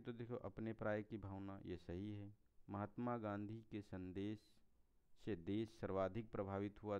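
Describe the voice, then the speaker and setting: A man's voice: lowish voice, mellow, clear, resonant tone. A man teaching as he walks through exam answers, explaining each one step by step and moving on with set phrases. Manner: explanatory, repeats "theek hai" and "next hai". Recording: slightly dull lo-fi sound.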